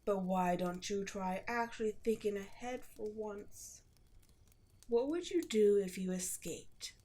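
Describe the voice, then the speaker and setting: A woman playing an imperious, seductive demon queen in a roleplay audio drama, slow and theatrical, often slipping into a breathy whisper. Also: medium pitch, warm tone, lightly acted. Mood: gloating, possessive.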